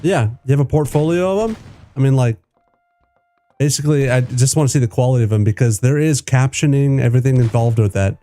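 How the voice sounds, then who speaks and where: A man's voice: medium pitch, fairly quick, dark tone, no echo. Swearing, rambling male streamer. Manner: rambling, loose, swears freely, many fillers. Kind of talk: casual gaming stream chat.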